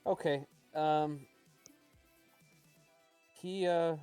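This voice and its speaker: A man's voice: a little high, fairly even intonation, extremely slow, mellow, clean tone, faint music behind. A man narrating a tabletop game casually as its game master.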